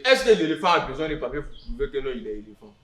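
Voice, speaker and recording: A man plays an excitable, quarrelsome relative with an Ivorian French accent. His voice is high and swoops widely. Echo and a crowd fill the room. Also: racing. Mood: arguing. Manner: excitable, pleading, mocking. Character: loud quarrelsome family member, adult man. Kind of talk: community theatre acting.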